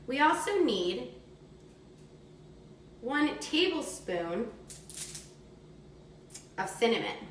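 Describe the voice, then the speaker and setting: Speaking extremely slowly with frequent pauses, a woman teaches young children a recipe step by step in a simple, encouraging way. Her fairly high voice is very animated, recorded from a distance in an echoey room with faint noise.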